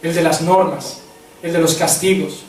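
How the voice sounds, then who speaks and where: A man's voice: fairly even intonation, moderate pace, a little hiss or hum, lightly acted. A pastor doing a stern, strict father. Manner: grave and firm, lower than his own voice. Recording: echoey hall from far off.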